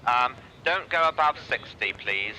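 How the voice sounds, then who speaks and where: A man's voice: medium pitch, lively intonation, unhurried. A man directing an experiment from the ground over space radio, instructing politely and somewhat hesitantly. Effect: space radio transmission. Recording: noisy space radio link.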